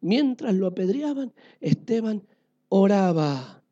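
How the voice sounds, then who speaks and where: Animated Argentine woman preaching. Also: mid-range voice, slow pace, highs cut off. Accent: Rioplatense Spanish. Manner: animated, asks the audience questions and swings between loud and quiet. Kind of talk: lively sermon.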